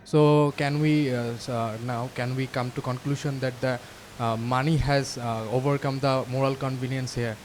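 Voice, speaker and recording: A man in the audience asks the panel a question, stopping and restarting often. He speaks in a flat, even tone. A faint hiss sits under the recording. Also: medium pitch, poor audio. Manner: halting, flat delivery. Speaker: audience member asking a question.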